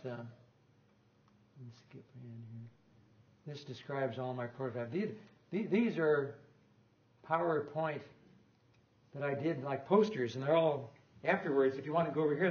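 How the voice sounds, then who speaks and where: Here a guest lecturer on loudspeaker design, an older man, talks informally about technical matters in a lecture room. He speaks at normal speed with a medium pitch, rambling and chuckling softly as he corrects himself. The sound quality is lo-fi.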